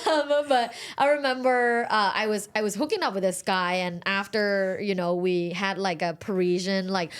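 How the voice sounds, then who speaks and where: A woman in her thirties guesting on a podcast, telling stories in a casual chat and laughing often. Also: medium pitch. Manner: laughs often, animated storytelling.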